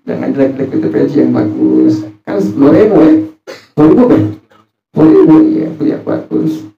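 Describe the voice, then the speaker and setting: A man's voice: a little high, huge pitch swings, a little fast, vocal fry, roomy sound. Preacher, male, bantering teacher style, heard from a distance on a muffled recording with faint music. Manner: jokey, asks the audience questions and answers himself. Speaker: religious teacher. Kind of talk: informal religious study sermon.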